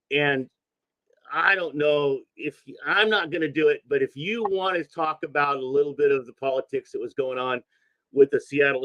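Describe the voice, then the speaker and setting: A man's voice: medium pitch, fairly bright tone, no echo, highs cut off. Rambling male soccer show host, dry sound. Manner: rambling, restarts and repeats words. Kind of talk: interview questions.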